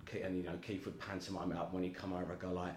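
A man's voice: sits low, level tone, racing, darkish tone, a little hiss or hum. A man in casual chat as a guest, rambling and self-deprecating, often laughing at himself. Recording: echoey room with faint ambience.

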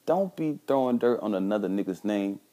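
A man's voice: on the low side, animated, brisk, warm tone. A man casually telling a slangy story from his own life, acting out the dialogue of his friends. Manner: laid-back slangy storytelling, reenacts dialogue. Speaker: podcast host.

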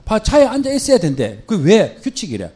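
A man's voice: high-pitched, huge pitch swings, a little fast, warm tone, slightly rough. A man, a photographer guest on a travel talk show, telling stories in a blunt, teasing, joking way. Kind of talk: casual travel chat.

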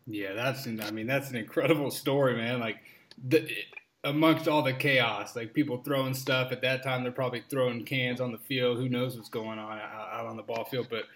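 A man's voice: medium pitch, steady tone, moderate pace, a bit bright. A man hosting a podcast interview in casual chat, dropping "man" and "like" often. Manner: casual, says "man" and "like" a lot. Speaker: podcast host.

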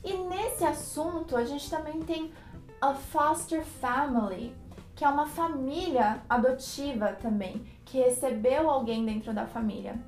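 A woman with a Brazilian Portuguese accent, a native Portuguese speaker, teaching English vocabulary and saying each word slowly and carefully for her students to repeat. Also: high-pitched, a little mellow, reverberant, soft background music. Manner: slow, careful pronunciation of English words. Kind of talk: vocabulary lesson with repeat-after-me drills.

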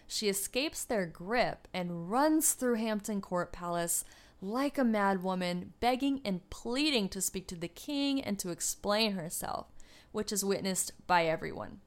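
A woman narrates history for her podcast in a scripted, storytelling way. She throws in wry asides now and then, and her voice sits in an ordinary middle pitch. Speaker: podcast host.

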